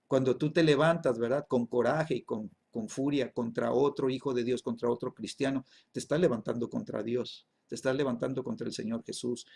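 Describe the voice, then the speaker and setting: A man's voice: mid-range voice, vocal fry, a little mellow, husky. A man teaching a Bible lesson in an emphatic way, often checking in with his listeners through short tag questions.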